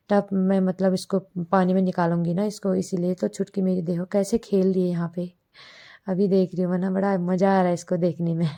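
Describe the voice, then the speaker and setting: A woman's voice: on the low side, dark tone. A young woman from Uttarakhand, narrating a casual home vlog in a chatty, rambling way. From Uttarakhand, India. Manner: chatty, repeats "matlab" often. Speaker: village vlogger and mother. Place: home courtyard outdoors.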